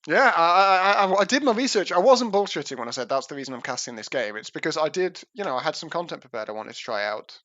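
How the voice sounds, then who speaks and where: A man's voice: fairly high pitch, lively intonation, fast, hardly any pauses, a bit bright, no room sound, lo-fi sound. A man casting an esports match live, with casual, self-mocking patter, heard through a livestream headset microphone. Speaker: esports caster. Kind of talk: live game commentary.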